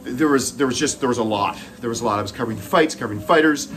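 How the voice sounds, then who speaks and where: A man's voice: medium pitch, racing, a bit bright. A middle-aged man with a Canadian accent telling a personal story while running on a treadmill, speaking in short broken phrases. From Moncton, New Brunswick, Canada. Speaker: host.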